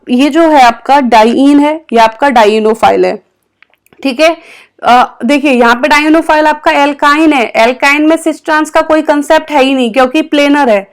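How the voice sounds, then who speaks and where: A woman teaching a chemistry lecture over slides, explaining step by step and answering her own questions. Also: high voice.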